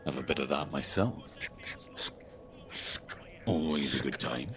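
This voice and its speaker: A man playing a gruff veteran inquisitor soldier in an online roleplay, with his voice run through a voice changer. He talks in a laid-back, dry way. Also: unhurried, noisy background. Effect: voice changer lowering the voice. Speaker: roleplay player. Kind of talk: in-character roleplay chat.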